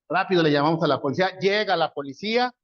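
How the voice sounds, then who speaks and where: A man's voice: a little high, fast, no echo, highs cut off. A man with a Mexican accent preaching a sermon, telling a story in a conversational way and asking and answering his own questions. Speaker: pastor.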